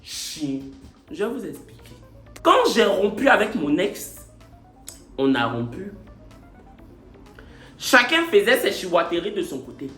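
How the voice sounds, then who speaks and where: A man confides his love story to camera, a little tipsy late at night. His delivery is theatrical and playful, with lively rises and falls and lots of repetition. The room around him is echoey, with faint music underneath. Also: high-pitched, measured pace, pauses often. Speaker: YouTuber telling his own story. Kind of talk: comic confessional vlog.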